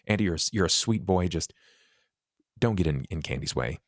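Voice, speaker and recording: Man doing a gruff boss voice, very low, dry close sound, firm orders. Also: expressive, brisk, no room sound. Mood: instructing.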